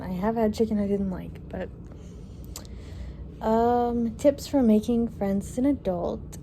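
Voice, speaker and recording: A woman in her twenties from Kentucky answering viewer questions in a casual vlog, relaxed and chatty, thinking aloud with fillers, recorded on her phone at home. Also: mid-range voice, a little hiss or hum. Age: 20s. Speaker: vlogger. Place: her apartment, indoors. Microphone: phone camera.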